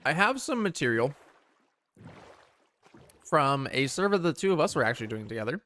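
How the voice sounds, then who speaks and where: A man's voice: on the high side, sing-song, normal speed, a bit bright. A man hosting a casual game livestream, chatting loosely with viewers, rambling and correcting himself as he goes. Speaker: livestream host. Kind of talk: casual livestream chat while playing.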